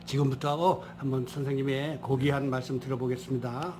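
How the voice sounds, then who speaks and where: A man's voice: medium pitch, level tone, fairly quick, background noise. A man hosting an interview, effusive and deferential as he welcomes his guest. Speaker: host. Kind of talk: interview talk.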